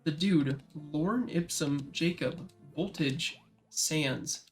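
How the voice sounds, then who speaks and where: Higher-voiced man in casual podcast chat. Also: drawn-out words, soft background music. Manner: rambling, reads out a list. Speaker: podcast co-host.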